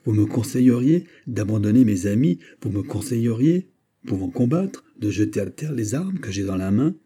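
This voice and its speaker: A man's voice: on the low side, animated, moderate pace, warm tone, slightly rough. A man reading aloud, voicing a proud, impassioned nobleman who speaks with a commanding, indignant tone. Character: proud, impassioned male nobleman, a finance minister.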